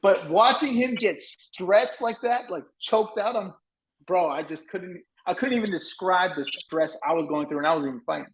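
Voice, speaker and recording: A man co-hosting a podcast, telling a story in a casual, animated way, swearing and saying "bro" a lot. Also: sits high, normal speed, rough recording. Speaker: podcast co-host.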